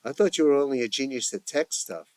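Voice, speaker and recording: A man voicing a calm, reasoning middle-aged man who lectures the others in an audio story. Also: mid-range voice, quick pace, no room sound, lightly acted. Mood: lecturing.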